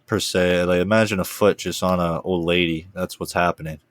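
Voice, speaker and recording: Low-voiced, profane man chatting. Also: fairly even intonation, brisk, dry recording, studio quality. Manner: profane, laughing, rambling. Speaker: podcast co-host. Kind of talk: casual chat.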